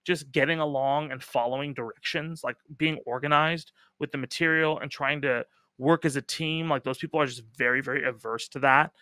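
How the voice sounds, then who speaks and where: A man's voice: medium pitch, fairly even intonation, brisk, few pauses, sharp tone, no echo, clean studio sound. A man hosting a casual podcast chat, talking emphatically with lots of fillers and casual swearing. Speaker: podcast host.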